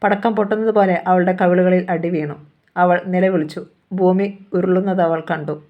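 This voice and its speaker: A woman's voice: lowish voice, steady tone, normal speed, phone-quality sound. A woman narrating a crime novel as a dramatic story reading, voicing the characters' lines in her own voice. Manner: reads the dialogue of all characters in her own voice.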